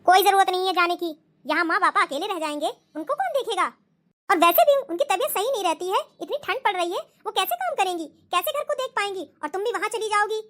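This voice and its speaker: An impatient young husband from a cartoon, snapping at his wife with sarcastic scolding, as a woman voices him. The voice stays very high and bright. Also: animated, fast. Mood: irritated. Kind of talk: cartoon voice acting.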